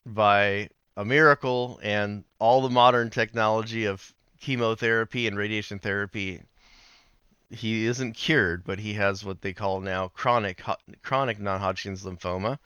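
A middle-aged man telling his story in an interview, earnest and animated, with pauses and fillers. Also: on the low side, clear, resonant tone, dry recording, dull audio. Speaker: interview guest, founder.

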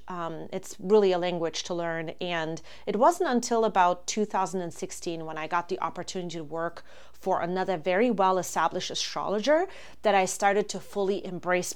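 A German woman in her forties hosts a solo astrology podcast, explaining things calmly with frequent ums. Her voice is fairly low and smooth.

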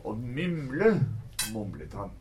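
A man reading a rhymed picture book aloud in a lively, sing-song storytelling manner. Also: mid-range voice, slight background noise. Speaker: book talk presenter.

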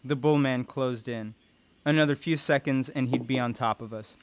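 A man's voice: medium pitch, normal speed, background noise. A man reading a first-person adventure story aloud with tense, dramatic delivery. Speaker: audiobook narrator. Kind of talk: first-person audiobook narration.

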